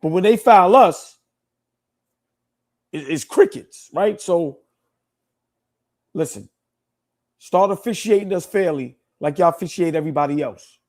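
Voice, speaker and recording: A man's voice: sits high, lively intonation, measured pace, pauses often, darkish tone. A man co-hosting a sports talk show, making his points emphatically and often asking "right?". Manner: emphatic, rhetorical questions, frequent "right?". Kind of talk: casual sports chat.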